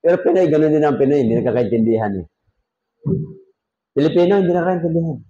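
Male pastor, bible class, jokey, asks the class questions, somewhat high voice, muffled lo-fi sound. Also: lively intonation, fast talker, warm tone. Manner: jokey, talks directly to the class. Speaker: pastor teaching Sunday school. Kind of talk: conversational Bible lesson.

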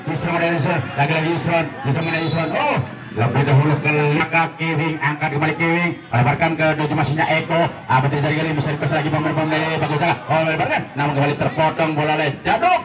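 A man giving live play-by-play football commentary, often repeating players' names. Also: a little high. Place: outdoor village football ground. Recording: echoey PA, distant, crowd noise. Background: crowd.

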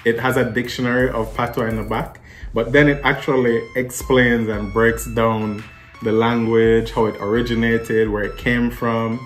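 A man with a Jamaican accent chatting casually as he explains things, in an animated, teasing way. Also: mid-range voice, moderate pace, faint music behind. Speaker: host quizzing a guest.

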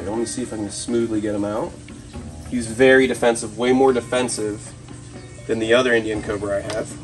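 Higher-voiced young man, enthusiastic vlogger. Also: low-quality recording. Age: 20s. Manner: enthusiastic, exclamatory, playful. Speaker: host, snake keeper. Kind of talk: casual vlog commentary while handling animals. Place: large metal-walled reptile room with concrete floor.

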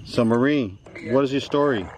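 A man hosting a casual ghost-hunting vlog at a cemetery, speaking calmly and asking questions of spirits. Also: normal speed, background noise. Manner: asks questions of spirits, calm and low-key. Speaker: paranormal vlog host. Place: cemetery outdoors at night.

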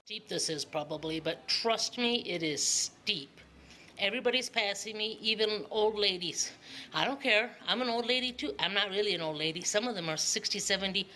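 Speaking at a moderate pace in a medium-pitched, sharp voice, a middle-aged woman vlogs to a camera or phone held out at arm's length. Her manner is casual and emphatic, with frequent repetition of words for effect. Slight background noise accompanies her, mostly on hilly town streets outdoors and partly indoors.

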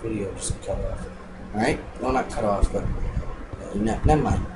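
A man's voice: on the low side, normal speed. A young man narrating his block-game footage in a casual, annoyed, rambling way, swearing as he talks. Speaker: gameplay narrator. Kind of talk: casual let's-play narration. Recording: noisy recording.

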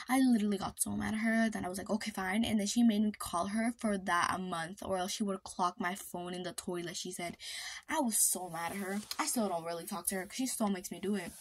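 A woman's voice: mid-range voice, creaky, a bit bright, breathy edge. A woman chatting to camera, gossiping about her sisters in a dramatic, indignant way, full of "like", now and then dropping to a whisper for secrets. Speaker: vlogger.

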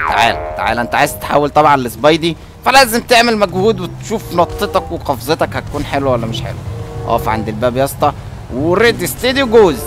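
A man with an Egyptian Arabic accent giving playful, joking gameplay commentary as a video host, often breaking into shouts. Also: medium pitch. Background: game music.

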